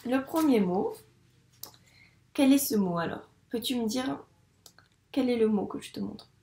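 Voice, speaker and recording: A woman teaching a phonics lesson to young children, patient and repeating each sound slowly while asking questions. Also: fairly high pitch, creaky, dark tone, reverberant. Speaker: primary school teacher.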